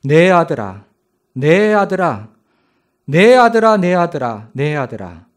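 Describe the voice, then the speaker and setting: A man voicing a grieving old king who wails for his dead son in drawn-out, repeated cries. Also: a little high, very animated. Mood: anguished wailing.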